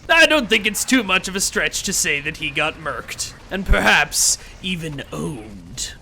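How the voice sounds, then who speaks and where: A man's voice: sits high, pushed and bright, a little hiss or hum, full character voice, poor audio. A man hosting a game playthrough while putting on a pompous, gloating male villain who is a demon-pact scientist, talking theatrically and sarcastically and stretching out dramatic words. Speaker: let's play host. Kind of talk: villain-persona game commentary.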